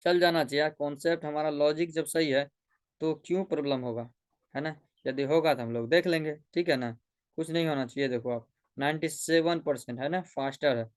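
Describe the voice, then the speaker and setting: Coding tutor, male, slightly raised pitch, chatty question-and-answer walkthrough. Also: clear, resonant tone. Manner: asks questions back to the viewer and repeats fillers like "theek hai". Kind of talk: screen-recorded coding lesson.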